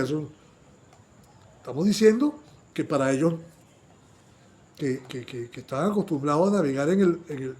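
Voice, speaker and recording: A man teaching a Bible study sermon, animated and often asking his listeners to agree, acting out quoted lines in a raised voice. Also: fairly high pitch.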